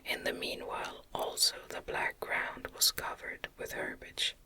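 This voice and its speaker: Close to the mic, a female audiobook reader whispers a gothic novel in soft, breathy ASMR fashion. She keeps a measured pace and phrases each line with care.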